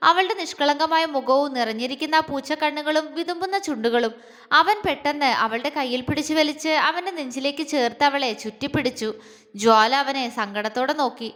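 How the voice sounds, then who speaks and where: A woman storyteller reads a romance story aloud in a gentle, expressive way. Her voice sits high and sounds bright. A long reverberant tail hangs on her words. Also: brisk. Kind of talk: scripted romance story narration.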